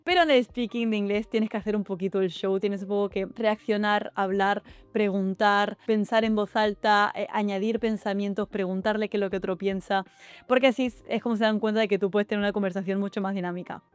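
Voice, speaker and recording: This young Spanish vlogger, accented from Spain, gives lively exam and study-abroad advice, chatting with quick asides to her audience. Her medium-pitched voice shows little pitch movement and a clean tone, recorded dry with faint music behind it.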